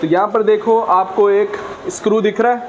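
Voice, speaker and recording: A man teaching a physics class, reading English lines slowly and explaining with frequent questions to students. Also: sits high, steady tone, a little mellow, dull audio, a little hiss or hum. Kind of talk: classroom lecture.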